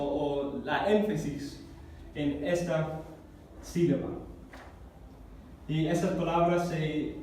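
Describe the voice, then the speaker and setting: Slow-spoken man teaching in an echoey room. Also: fairly high pitch, darkish tone, slight background noise. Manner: slow, careful explanation with repeated words and self-corrections. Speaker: Greek teacher. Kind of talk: classroom lesson. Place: church classroom. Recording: echoey room recorded from a distance.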